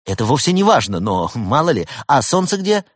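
A man's voice: mid-range voice, very animated, a little fast, no echo, clean studio sound, voice pushed up. A man voicing a cheerful young male tech-support worker with an eager, helpful manner. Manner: chirpy, eager, bright helpful phone manner. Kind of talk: audiobook character voice.

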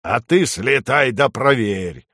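A man voicing a nagging old female crow with a hoarse, unpleasant voice, scolding slowly. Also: mid-range voice, animated, pushed and bright, dry recording, studio quality, exaggerated voice. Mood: boastful. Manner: slow, scolding.

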